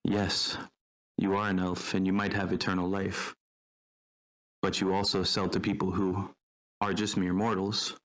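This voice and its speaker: A man voicing a male traveler from a faraway land who tries to sell a pile of leaves with a persuasive sales pitch. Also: monotone, measured pace, pauses often, fairly bright tone, poor audio. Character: smooth-talking male traveler peddling leaves.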